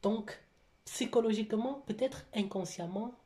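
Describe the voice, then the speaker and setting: A woman who speaks French with a foreign accent, telling her own story in a halting, hesitant way with many restarts. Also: fairly high pitch, mellow. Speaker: vlogger, single mother. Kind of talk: personal confessional talk.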